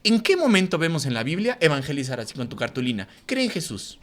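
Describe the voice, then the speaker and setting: Man, pastor's Bible lesson, forceful and scolding, slightly high voice, pitch swinging widely. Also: big pitch swings, fast talker. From Mexico. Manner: emphatic, scolding, asks rhetorical questions. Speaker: pastor teaching a Bible class. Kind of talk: sermon-style Bible lesson.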